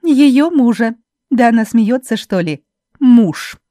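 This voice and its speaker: A woman voicing a spiteful young laundress who loudly taunts and mocks her rival in an audiobook. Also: animated, takes it slowly, no room sound, studio quality. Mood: jeering. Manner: loud, mocking, shrill taunting.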